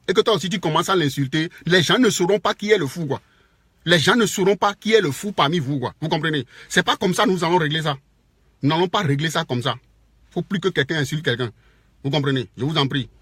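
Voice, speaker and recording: High-pitched Togolese man lecturing hard. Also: a bit bright, slightly rough, no room sound. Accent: Togolese French. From Togo. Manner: lecturing, repeats phrases, tags "quoi". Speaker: social media commentator. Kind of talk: impassioned Facebook video rant.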